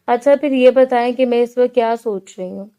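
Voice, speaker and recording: A bashful young wife from a romance audiobook, read by a woman, speaking softly with gentle teasing. Her voice is fairly high and mellow, with a smooth finish. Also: fairly even intonation, natural voice. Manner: soft, gentle and playfully teasing. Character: shy, playful young wife in love. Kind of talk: audiobook character reading.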